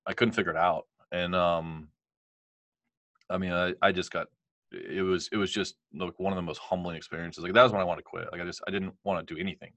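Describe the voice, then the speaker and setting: A man with a deep yet bright, forceful voice tells a personal story in casual conversation. He acts out what others said and leans on fillers. The sound is dry and close, with no room around it. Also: brisk, dry recording. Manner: animated, quotes others, many fillers like "like" and "you know". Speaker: guest telling his story.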